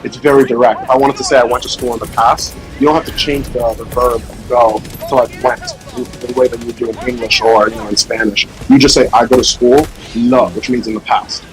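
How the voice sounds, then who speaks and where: Speaking fairly quickly with hardly any pauses, this man has a medium-pitched, steady voice. He's a Somali-speaking livestream host casually explaining language learning in a hesitant, rambling, informal manner, on poor audio with background music.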